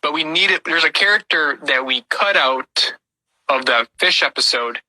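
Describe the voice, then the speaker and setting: A man's voice: on the high side, expressive, a little slow, bright, forceful tone, no room sound, rough recording. A man hosting a casual podcast about puppets, telling stories with frequent restarts. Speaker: podcast host and puppet creator.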